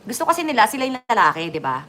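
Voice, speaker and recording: A woman's voice: very fast, slight background noise. A woman chatting casually to her viewers as a vlogger, joking and swinging her voice up and down. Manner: chatty, lively swings in pitch and loudness, joking asides.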